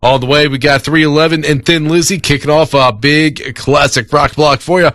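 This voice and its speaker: A man talking as a smooth radio DJ into a studio mic, promoting a contest between songs. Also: fairly high pitch, steady tone, normal speed, a bit bright. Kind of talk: smooth radio host patter.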